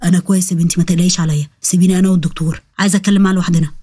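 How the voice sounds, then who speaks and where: A woman voicing a kindly, protective old sheikh who speaks in a gentle, fatherly way, with an Egyptian Arabic accent. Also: lowish voice, fairly even intonation, very fast, slightly rough, no room sound, clean studio sound, pitched below the performer's own voice.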